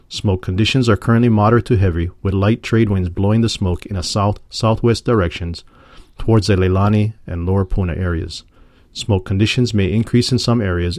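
A man with a low voice delivers a civil defense broadcast. He reads prepared text in a measured, official way, as a formal public announcement. The sound is dry, with hardly any room to it. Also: a little mellow, dry recording.

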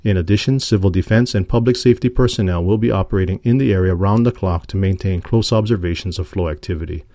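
A man reading a formal, scripted civil defense broadcast as an official giving a public update, in a measured, official manner. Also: sits low, mellow, no echo, studio quality. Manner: measured, official, plainly reading prepared text.

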